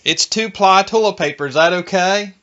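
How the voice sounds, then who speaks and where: High, bright-voiced folksy man on the phone. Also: slight background noise. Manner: folksy, feigning slow-witted naivety. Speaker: prank call recipient. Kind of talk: deadpan phone prank. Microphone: telephone. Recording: muffled telephone call audio.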